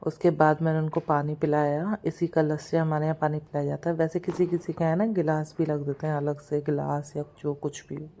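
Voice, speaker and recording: Low, mellow-voiced woman vlogger narrating. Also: flat delivery, brisk, few pauses, a little hiss or hum. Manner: chatty, retells events and acts out quotes. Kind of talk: casual voice-over narration.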